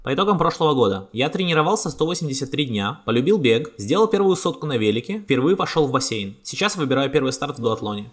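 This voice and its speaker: A man in his late twenties narrating a scripted video message, lively and enthusiastic. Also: medium pitch, fast talker, hardly any pauses, reverberant. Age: 20s. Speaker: contest entrant.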